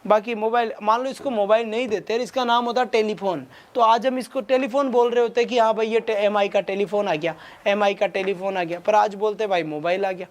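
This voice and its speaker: Guy teaching english exam prep online, fires quick questions at students. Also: high voice, steady tone. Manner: rapid Hindi-English mix, urges students with quick questions. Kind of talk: online class lecture.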